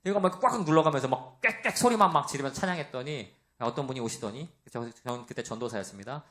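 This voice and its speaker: A man preaching a sermon to young adults, with a loud voice, asking the congregation questions and acting out the voices he quotes. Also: mid-range voice, expressive, fast talker. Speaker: pastor.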